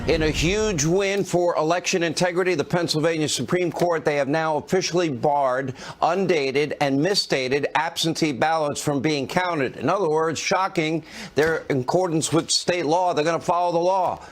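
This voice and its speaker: A man opening a cable news show, announcing stories in a brisk, emphatic way. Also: on the high side, slight background noise. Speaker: TV host.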